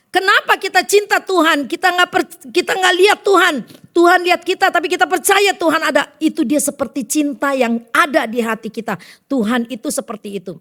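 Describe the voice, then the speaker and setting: Lively woman preaching. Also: high-pitched. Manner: lively, conversational, calls on listeners by name. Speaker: preacher at a fellowship service. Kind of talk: sermon.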